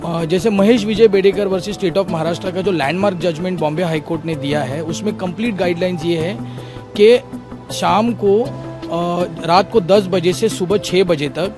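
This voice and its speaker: A lawyer for the petitioners answers a news interviewer over music, setting out legal points step by step and mixing in English legal phrases. His voice is high-pitched, at a moderate pace.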